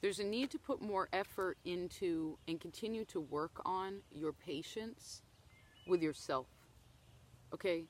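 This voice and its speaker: A woman's voice: lowish voice, unhurried. A woman giving a casual tarot reading outdoors in the woods, talking loosely and often checking in with "okay?". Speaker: tarot reader.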